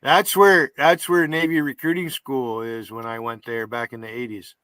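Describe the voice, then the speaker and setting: A man in his fifties with a northern New York accent hosts a casual livestream chat, blunt, rambling and swearing freely. His medium-pitched voice is sharp and smooth with little pitch movement, delivered at normal speed in a dry recording.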